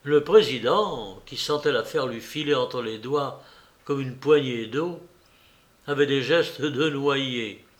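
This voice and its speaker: A man reading a novel aloud as narrator, slow and deliberate. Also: medium pitch. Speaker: audiobook reader.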